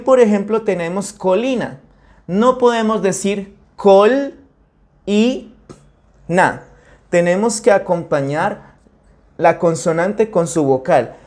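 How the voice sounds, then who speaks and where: A woman's voice: on the low side, darkish tone. A woman, teaching in a video lesson and sounding out words syllable by syllable. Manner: slow, careful syllable-by-syllable explanation. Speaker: Spanish teacher.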